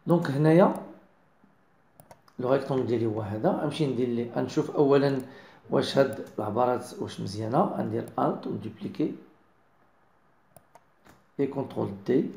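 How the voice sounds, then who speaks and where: A man with a Moroccan accent giving a software design tutorial, mixing in French words and often checking that viewers follow. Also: medium pitch, quick pace, vocal fry, pauses often, reverberant. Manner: mixes French into explanations, keeps checking understanding. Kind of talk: screen-recorded software tutorial.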